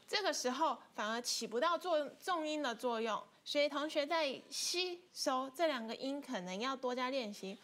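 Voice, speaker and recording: A woman's voice: high voice, expressive, moderate pace, few pauses, fairly bright tone, faint music behind. A woman teaching an online flute class, patiently explaining technique step by step. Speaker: music teacher. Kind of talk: online instrument lesson.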